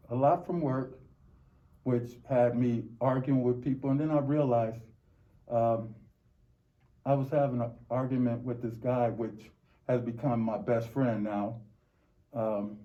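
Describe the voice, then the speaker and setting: A middle-aged American man from Los Angeles answers interview questions as a guest, his medium-pitched voice very soft-edged and mellow. He speaks reflectively and haltingly, often repeating words while searching for the next one. The recording is dull and slightly muffled.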